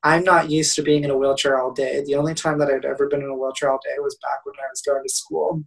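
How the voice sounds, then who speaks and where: A man's voice: medium pitch, flat delivery, quick pace, gravelly, far from the mic, poor audio. A young man in his twenties, a motivational speaker guest, telling a funny story in a casual, laughing way.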